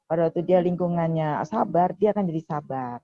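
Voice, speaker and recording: A woman's voice: on the low side, fairly quick, no echo. A woman lecturer giving firm, practical advice in a lecture and discussion. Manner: firm, advising, many "mm-mm" backchannels. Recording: dull dry lo-fi sound.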